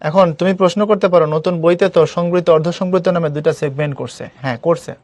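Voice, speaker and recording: A man's voice: a little high, fast, a little mellow, no echo. A young man teaching an online class, explaining step by step and repeating key words as drills.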